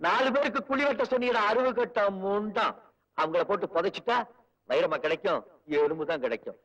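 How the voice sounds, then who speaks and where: A sarcastic wisecracking hero. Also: male voice, high voice, brisk, a bit bright, distant mic, highs cut off. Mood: mocking. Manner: teasing, sarcastic wordplay. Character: cocky quick-witted man mocking a villain. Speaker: film hero. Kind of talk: 1970s Tamil film dialogue.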